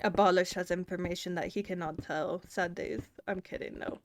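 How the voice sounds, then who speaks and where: A woman's voice: lowish voice, steady tone, moderate pace, slight background noise. A woman from the Southern United States with a Southern accent, chatting casually on a livestream. She is playful, laughs often and stumbles over her words. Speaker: streamer.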